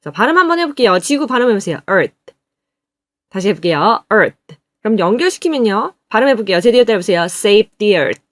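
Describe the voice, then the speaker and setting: Lively woman teaching English pronunciation. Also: medium pitch, no echo, studio quality. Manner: drills words slowly, repeats them for students to copy. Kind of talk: online English pronunciation lesson.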